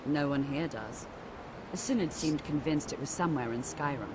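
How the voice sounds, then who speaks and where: An actress playing a composed female mage who speaks in a formal, measured and dry way, heard as game audio. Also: sits low, close to an everyday voice. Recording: game audio with clear background noise.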